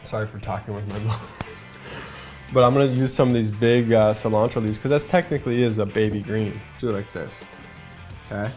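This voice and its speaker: A man's voice: fairly low pitch, fast talker, a little mellow. A man from Minnesota hosting a casual cooking demonstration, talking viewers through each step in an upbeat, chatty way. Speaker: cooking show host. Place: garage kitchen. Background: faint background music and frying.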